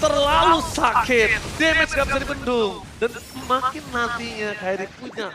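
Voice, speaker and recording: A man with an Indonesian accent giving excited, emphatic play-by-play commentary as an esports caster. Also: very high voice, moderate pace.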